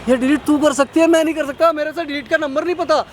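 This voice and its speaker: A man's voice: very high-pitched, fairly even intonation, fast talker, slight background noise. A man playing a smug, taunting blackmailer boss. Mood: scornful. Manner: taunting, mocking, dismissive. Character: smug blackmailing male office boss, young adult. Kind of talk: scripted street drama skit.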